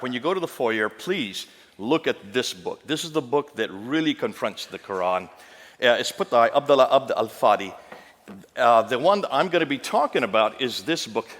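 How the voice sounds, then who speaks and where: A man's voice: mid-range voice, fairly bright tone. Emphatic man lecturing in a reverberant hall. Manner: emphatic, punchy, repeats phrases for effect. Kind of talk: public lecture to a live audience. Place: large hall with an audience.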